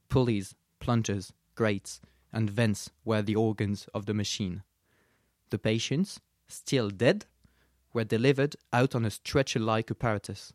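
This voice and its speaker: A male radio guest who explains a passage and then reads from a novel in a calm, measured way. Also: fairly low pitch, dry recording, clean studio sound. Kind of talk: reading a novel aloud.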